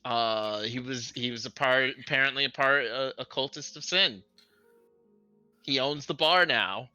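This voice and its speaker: A man's voice: mid-range voice, pushed and bright, smooth, no echo, dull audio, soft background music. A man running a tabletop role-playing game as game master, narrating scenes with frequent laughs and restarts. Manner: laughs often, halting restarts.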